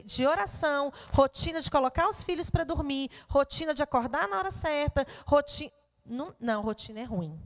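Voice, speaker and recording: A woman pedagogue gives a parenting talk in a church hall, telling animated stories and addressing her audience directly. Her voice is high-pitched, and the room leaves a long reverb tail.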